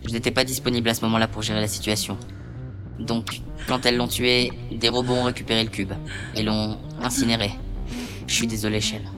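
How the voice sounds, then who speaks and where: A woman voicing an apologetic, literal-minded male robot who speaks in formal, fast sentences over game music. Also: a bass voice, flat delivery, pitched below the performer's own voice.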